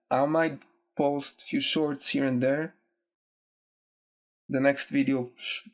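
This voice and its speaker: A young man talks to his viewers in slow, halting phrases, pausing often between thoughts. His voice is stuffy and nasal from a lingering illness. The pitch sits in an ordinary middle range for a man. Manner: slow, halting, reflective, with pauses. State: sick, congested and nasal. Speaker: YouTube video essayist. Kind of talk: casual talk to camera.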